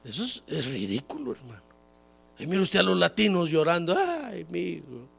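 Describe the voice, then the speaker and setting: A man preaching at a church service, his high voice gravelly and full of swooping pitch. He has a cold and talks in a folksy way, often calling the listener "brother". When he gets emphatic his voice climbs much higher. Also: very animated, a little fast, a bit bright, soft background music. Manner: folksy, repeatedly calls listeners "hermano". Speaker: pastor. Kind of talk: sermon.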